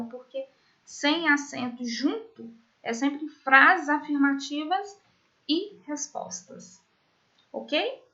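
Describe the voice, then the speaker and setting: A woman with a high, bright voice explains a grammar point to her class, patient and methodical. She keeps checking in with short tag questions as she goes. The sound is dull and lo-fi, as from a computer mic in an online classroom. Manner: explanatory, checks understanding with frequent "né?" and "certo?". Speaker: teacher. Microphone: computer mic in a virtual classroom.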